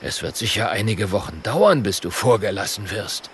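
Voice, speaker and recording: An actor playing a self-assured merchant in a storybook audio play, speaking confidently with a touch of boastfulness. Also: male voice, fairly low pitch, expressive, moderate pace, fairly bright tone, slight background noise.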